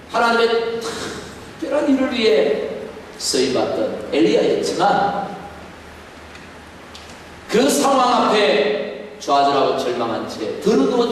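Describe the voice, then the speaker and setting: A male pastor preaches an earnest sermon, telling stories gently and then rising suddenly for emphasis. His pitch sits a little high and moves a lot. The voice is heard from a distance in a reverberant sanctuary, with a faint hiss of noise behind it. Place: church sanctuary. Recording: echoey hall, distant mic, faint noise.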